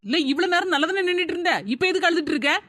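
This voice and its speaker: A woman playing a fast-talking mother. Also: very high voice, background noise. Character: busy young mother soothing her children. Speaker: mother in a family skit. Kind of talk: casual family comedy skit.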